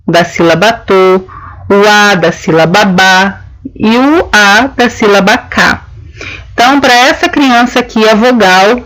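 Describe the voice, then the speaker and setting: A woman's voice: medium pitch, a bit bright, rough recording. A woman teaching a lesson, explaining each step patiently and checking in with her listeners. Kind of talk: explanatory lesson on children's writing.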